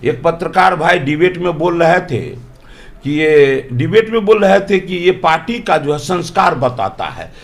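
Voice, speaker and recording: A man's voice: a little high, animated, measured pace. A man, a politician from Bihar, answering interview questions in an emphatic, argumentative way full of rhetorical questions.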